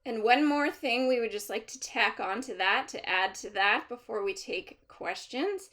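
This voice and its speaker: A woman speaking as a trance medium, channeling a collective of master healer spirits in a deliberate, formal, instructive manner with pauses. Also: fairly high pitch, expressive, a bit bright. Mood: calm, instructive. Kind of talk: seance medium channeling, unscripted spiritual teaching.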